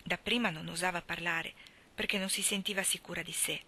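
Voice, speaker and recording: Female literary reader: measured, expressive narration with soft whispered passages, bright voice. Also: fairly low pitch. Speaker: reader of stories. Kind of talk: literary reading.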